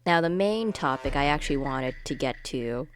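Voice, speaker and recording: A woman talking in a monotone, rambling and self-deprecating way in a casual vlog. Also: a bass voice, moderate pace, slight background noise. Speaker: video creator.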